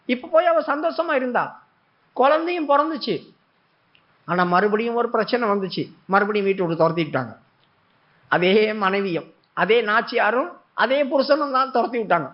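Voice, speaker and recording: High-voiced man preaching with drama. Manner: dramatic, acts out prayers and God's replies. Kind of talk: sermon. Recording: dull lo-fi sermon recording.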